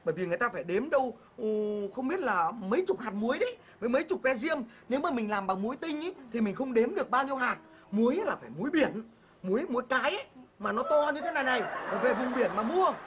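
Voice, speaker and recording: Woman in a comedy sketch, quick bantering delivery, fairly high voice, noisy recording. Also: sing-song, crowd noise. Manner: bantering, bursts of laughter. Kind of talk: comic sketch acting.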